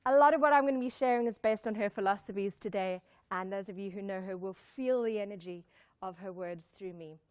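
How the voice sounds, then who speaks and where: Speaking before a live audience, a woman born in Zimbabwe and raised in South Africa delivers a motivational talk. Her mid-range voice is clean and moves fairly quickly as she stresses her points, repeats key lines, and questions her listeners.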